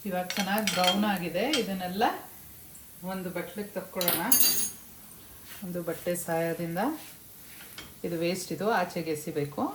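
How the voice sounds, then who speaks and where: A woman's voice: on the low side, flat delivery, normal speed, pauses often. A woman with a Kannada accent giving plain, practical step-by-step cooking instructions in her home kitchen. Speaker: home cook demonstrating. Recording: echoey kitchen with cooking noise.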